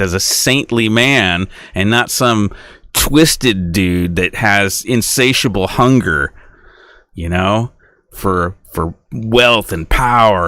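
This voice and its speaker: A man's voice: on the low side, fairly bright tone, dry recording, clean studio sound. A man hosting a podcast, talking in a rambling, indignant monologue and acting out imagined back-and-forth dialogues. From United States. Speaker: podcast host. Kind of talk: casual monologue.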